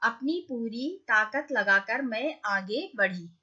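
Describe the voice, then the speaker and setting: A woman's voice: on the high side, animated, slow pace, sharp tone, highs cut off. A woman teaching a Hindi lesson to young children, patiently asking questions and answering them herself.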